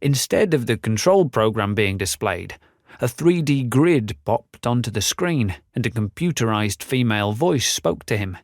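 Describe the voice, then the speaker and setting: Audiobook narrator, man, mid-pitched, measured, very dry close sound. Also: expressive, no room sound. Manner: measured, descriptive. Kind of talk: scripted narration.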